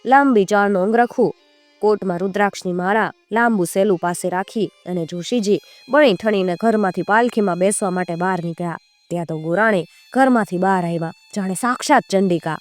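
A woman storyteller narrating a folk tale in a measured, expressive way. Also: mid-range voice.

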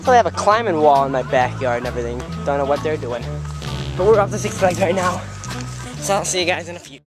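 A teenage boy vlogging in a fast, rambling, excitable way about a day out with friends. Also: on the high side. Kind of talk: casual vlog talk. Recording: music and crowd noise behind.

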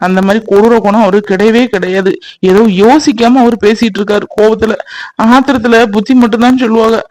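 A voice actor playing a kind grown son who calms a crying girl in a cartoon family drama. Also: mid-range voice, close to an everyday voice, rough recording. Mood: soothing. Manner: soothing, reassuring.

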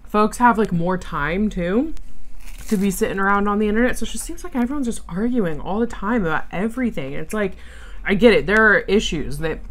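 A woman's voice: mid-range voice, animated, fairly quick, fairly bright tone. A woman in her thirties chatting casually while eating, chewing between phrases, recorded in a room at home. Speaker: mukbang vlogger. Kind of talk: casual chat. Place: small room at home, indoors.

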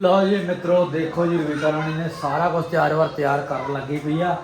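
A man's voice: a little high, fairly even intonation, brisk, background noise. A man with a Punjabi accent hosting a casual home food vlog, exclamatory and fond of repeating catchphrases to his viewers. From Punjab, India. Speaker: vlog host.

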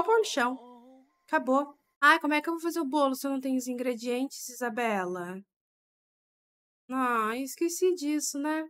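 Bright-voiced chatty woman gamer. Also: sits high. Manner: chatty, exclaiming, talks to the audience as "gente". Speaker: gaming streamer. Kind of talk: casual let's-play commentary.

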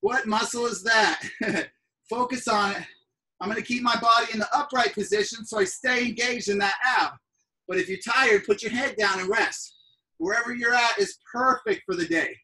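A woman's voice: a little high, moderate pace, pushed and bright. A woman leading a fitness class as instructor, coaching with countdowns and upbeat, hyped encouragement, often raising her voice to cheer people on. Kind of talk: energetic workout coaching with countdowns. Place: indoor room, live group video call. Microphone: device set back from the exerciser. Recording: distant mic on video call.

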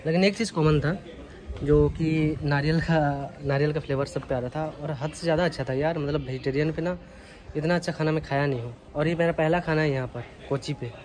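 A man's voice: a little high, fairly even intonation, a little fast. A young man vlogging casually in a restaurant, chatty and mixing English words into his Hindi, filmed on a phone held at arm's length. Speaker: travel vlogger. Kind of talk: casual travel vlog. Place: busy restaurant indoors, then streets. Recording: loud background noise.

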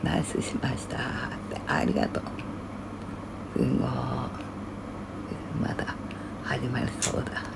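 An older woman chatting casually on a livestream. She reads viewer comments in half-whispers and grumbles loudly in between. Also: extremely low pitch, sing-song, a little slow, creaky, pauses often.

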